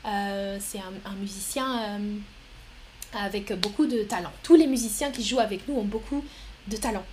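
A woman hosting a live stream, talking slowly and clearly as she reads out viewer comments and answers them with frequent light laughter. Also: medium pitch, a little mellow, slight background noise. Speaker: livestream host.

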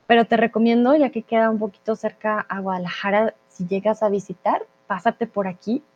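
A woman from Colombia teaching Spanish in a live online class, reading out viewer comments and slowly stressing key words. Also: medium pitch, fairly even intonation, a little mellow, dull audio. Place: Mexico.

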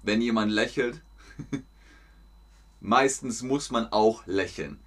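A man teaching a German lesson on a stream, speaking slowly and clearly, repeating words for learners and adding lively sounds and laughs. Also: fairly low pitch.

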